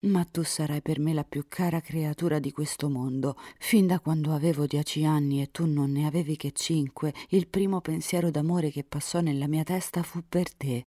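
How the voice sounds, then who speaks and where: A woman reading aloud, voicing a proud, sincere young count who speaks earnestly and sometimes in a hush. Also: sits low, steady tone, normal speed, hardly any pauses, no echo, studio quality. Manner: earnest, sometimes hushed to a whisper.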